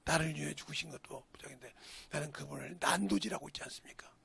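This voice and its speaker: A male pastor preaching a sermon, who swings between hushed whispers and loud shouting and keeps asking rhetorical questions, with a gravelly, husky voice. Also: fairly high pitch, fast.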